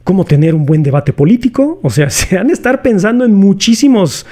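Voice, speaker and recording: Mellow Mexican man explaining philosophy. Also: sits high, lively intonation, brisk. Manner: chatty, slangy, poses rhetorical questions to viewers. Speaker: philosophy video host. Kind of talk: casual explanatory lecture.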